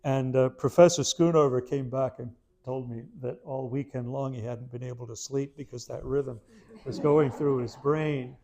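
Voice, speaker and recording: A man's voice: mid-range voice, fairly even intonation, normal speed, darkish tone. A man giving a literature lecture to a small live audience, talking in a conversational, self-deprecating way with frequent restarts. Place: room in a historic house with a live audience.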